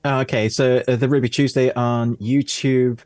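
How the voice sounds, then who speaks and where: A man's voice: mid-range voice, flat delivery, moderate pace, a little mellow, no echo. Middle-aged male guest reviewer, rambling, easygoing, dry close sound. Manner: rambling, laughs while talking. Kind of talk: casual chat.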